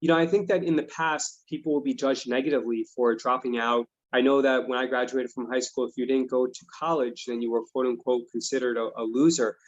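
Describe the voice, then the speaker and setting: A man's voice: mid-range voice, steady tone, brisk, few pauses. Earnest male investing host, dull lo-fi audio. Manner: earnest, reflective, many "um" and "you know". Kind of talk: casual interview chat.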